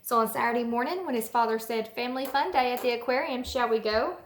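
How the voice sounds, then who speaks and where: Speaking fast in a fairly high voice, a woman who teaches preschool shares a storybook with young children at home, mixing the reading with casual, simple explanations. The recording has a roomy echo and clearly audible background noise.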